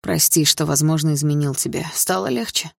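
A woman voicing a sullen, grieving teenage boy in an audiobook, speaking in a flat, clipped way. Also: deep voice, a little fast, creaky, no room sound, clean studio sound. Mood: bitter.

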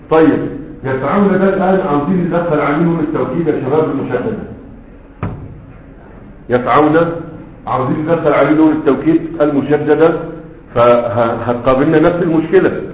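A man with an Egyptian Arabic accent teaching a grammar class, asking rhetorical questions and slowly drilling example words. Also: on the high side. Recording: tinny phone-like audio in an echoey room.

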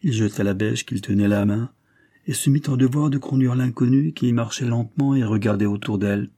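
A man narrating a novel as an audiobook in a measured, expressive way. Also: mid-range voice, no echo, clean studio sound. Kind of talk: literary audiobook reading.

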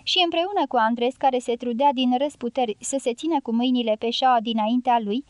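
A woman reads a novel aloud in steady, measured narration, touching the dialogue lightly without full character voices. Her voice sits a little high. The recording is dry and close, with no room sound. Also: no echo. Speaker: audiobook narrator. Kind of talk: scripted narration.

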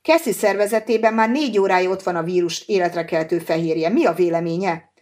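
A woman reading a worried female doctor, urgent, pleading, audiobook, lowish voice. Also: a little mellow, natural voice. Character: anxious female doctor, adult, worried and forceful.

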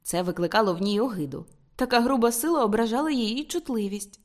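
A woman narrating a novel as an audiobook in a steady, measured way. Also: fairly high pitch.

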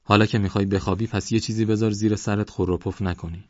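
A man voicing a calm, patient young man who reassures a frightened stranger. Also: lowish voice, no echo, close to an everyday voice. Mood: reassuring. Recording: dry, slightly dull recording.

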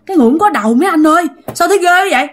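A woman's voice: very high-pitched, animated, very fast, pitched above the performer's own voice. A woman with a Southern Vietnamese accent voicing a frightened young male restaurant worker who pleads in a panic.

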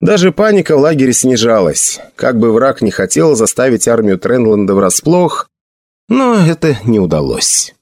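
With an expressive storyteller's delivery, a man reads scripted audiobook narration at a normal pace. His pitch is medium, and the clean studio recording carries no echo.

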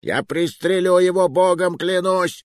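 A man voicing a fat, jittery male schemer who turns shrill and hysterical when frightened. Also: expressive, measured pace, no echo, studio quality. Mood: shrieking panic.

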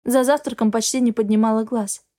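A woman tells a first-person story in a measured, emotive way. Her voice sits a little high and sounds warm and mellow. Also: fairly even intonation. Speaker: audiobook narrator. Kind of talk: first-person scripted narration.

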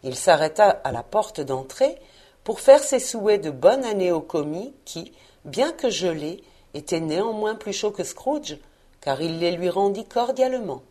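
A woman reading a classic novel aloud as an audiobook, with measured, expressive storytelling. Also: on the low side. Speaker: audiobook reader. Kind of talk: scripted narration of a classic novel.

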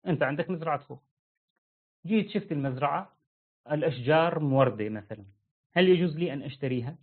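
A man teaching a religious lesson, explaining rulings with lively everyday examples and acting out buyers and sellers. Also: on the high side, fast talker, slightly rough. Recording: tinny phone-like line.

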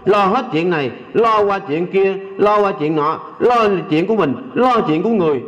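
Older monk with a Southern Vietnamese accent and a high voice, folksy and teasing in a sermon, slowing down to recite and sing verses. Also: male voice, animated, dull audio. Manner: folksy, teasing, keeps asking the audience "right?". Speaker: Buddhist monk. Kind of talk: Dharma talk to a lay audience.

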